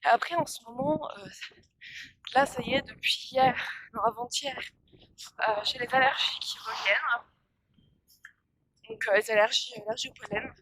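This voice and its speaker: Stuffy from pollen and coughing, this young woman chats to her arm's-length phone while walking outside in the wind, rambling with lots of fillers and restarts as she tires. Her high voice is a bit bright with lively intonation, at normal speed with long pauses, and the recording is rough.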